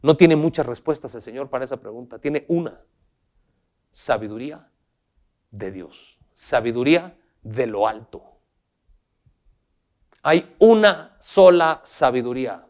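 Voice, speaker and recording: In this sermon, an expressive preacher speaks unhurriedly and directly to the listener, asking questions and taking long pauses. He sinks into soft, low lines before lifting into raised, emphatic passages.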